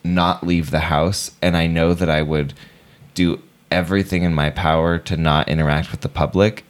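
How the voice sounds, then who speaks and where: Man, very low voice, casual podcast chat, rambling, lots of fillers. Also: fairly even intonation, normal speed. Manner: rambling, restarts often, hedging fillers. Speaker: podcast co-host.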